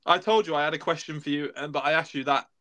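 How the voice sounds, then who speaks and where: A man co-hosting a podcast in casual chat. His voice sits fairly high for a man. He is sarcastic and swears freely. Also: steady tone, fast, sharp tone. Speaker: guest co-host.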